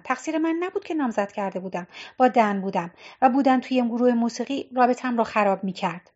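A woman's voice: a little high, a little mellow, lightly acted. A woman voicing a tired, defensive young woman, a former singer, in an audiobook. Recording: dull lo-fi recording.

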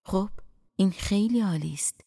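A woman voicing a kind older male scholar who speaks softly and with measured affection in an audiobook reading. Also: high voice, creaky, slightly rough, no echo, clean studio sound, exaggerated voice. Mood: calm.

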